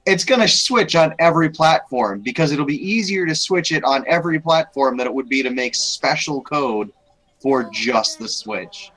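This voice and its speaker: A young man talking about video games in a loose, rambling way, stumbling over words and restarting sentences. His voice sits a little high for a man. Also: lively intonation, normal speed, a bit bright, rough recording. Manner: rambling, with many restarts and laughs. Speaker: podcast co-host. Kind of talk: casual gaming chat.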